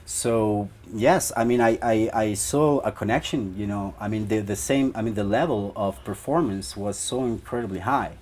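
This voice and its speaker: Young man from Ecuador, low voice, interview answers, rambling, lots of fillers. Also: moderate pace, few pauses, a little mellow. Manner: rambling, many "you know" fillers. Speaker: band guitarist.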